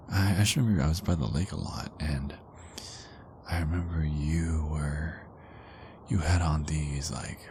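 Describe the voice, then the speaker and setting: With a very deep voice, a man voices a soft, insecure werewolf boyfriend in intimate ASMR, talking haltingly and quietly and often whispering. There's background noise in the recording.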